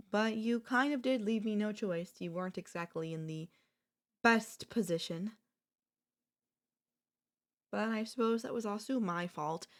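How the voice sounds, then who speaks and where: In a mid-range voice, a woman plays a yandere sister-in-law for an ASMR audio roleplay. Her obsessive character is chatty and coaxing, sweet with a menacing edge, and not the least bit apologetic.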